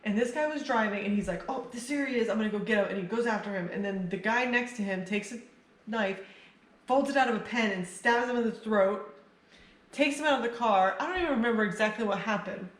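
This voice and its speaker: A woman's voice: mid-range voice, fast talker. A tipsy woman getting drunker as she banters about films, blunt and sweary, muddling her words and arguing casually. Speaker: co-host of a movie review show. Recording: roomy, distant mic with background noise.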